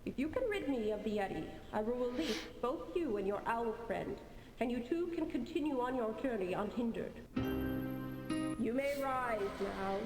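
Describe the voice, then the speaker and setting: A woman's voice: fairly high pitch, lively intonation, unhurried. A woman playing a haughty, regal ice queen in a video game, with formal, commanding delivery. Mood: regal, softened. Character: imperious icy queen, haughty but softening. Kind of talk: 1990s adventure game voice acting. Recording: echoey long reverb under game music.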